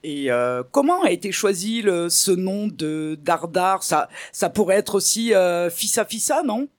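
A woman's voice: fairly low pitch, big pitch swings, a little slow. A woman hosting a radio interview, asking friendly questions. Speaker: radio host.

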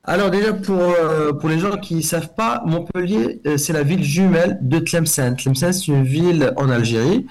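A man's voice: on the high side, moderate pace, hardly any pauses, a little mellow. A middle-aged man from Algeria, a festival director speaking as a guest in a radio interview, talking with many fillers and restarts.

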